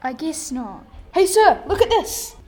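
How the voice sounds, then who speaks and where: A woman's voice: sits high, measured pace, darkish tone. A woman playing an eager, chatty security guard.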